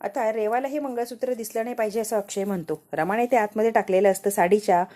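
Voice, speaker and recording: Mellow woman recapping a soap episode. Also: mid-range voice, fast talker. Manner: retells scenes and reads out characters' lines. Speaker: TV serial recap narrator. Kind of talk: casual storytelling recap.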